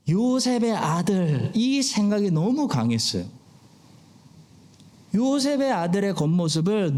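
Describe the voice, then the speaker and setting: A man preaching a Sunday sermon in a fairly high voice that rises and falls a lot. He explains step by step and puts rhetorical questions to the congregation. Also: a little mellow. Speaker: pastor. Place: church sanctuary.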